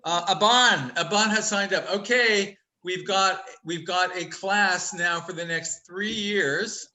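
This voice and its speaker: Bright, high-voiced jokey male instructor. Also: poor audio. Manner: chatty, upbeat, teasing jokes; talks quickly. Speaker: college instructor. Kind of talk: casual online class over video call. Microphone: video call.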